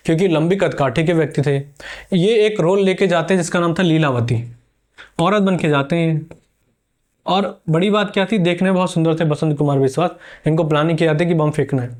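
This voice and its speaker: A man's voice: on the high side, darkish tone. A man teaching a history lesson for exam preparation, telling it as a story and answering viewers' questions.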